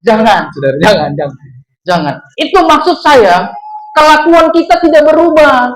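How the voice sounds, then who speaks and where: A woman's voice: sits high, normal speed, a little hiss or hum, rough recording. A woman pastor preaching a sermon in a church, telling stories and acting out the voices in them. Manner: animated storytelling, acts out quoted voices. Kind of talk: sermon with anecdotes.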